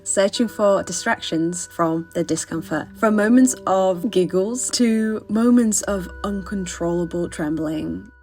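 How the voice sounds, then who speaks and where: A woman reading a reflective, measured voice-over for her vlog. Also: fairly low pitch, vocal fry. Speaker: vlogger. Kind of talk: scripted voice-over narration.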